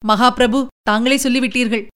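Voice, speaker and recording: A woman voicing an anxious male prime minister at a royal court, hesitant and deferential as he addresses his lord. The voice is smooth and clear, a little high. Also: fairly even intonation, brisk, fairly bright tone, lightly acted. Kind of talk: audiobook character reading.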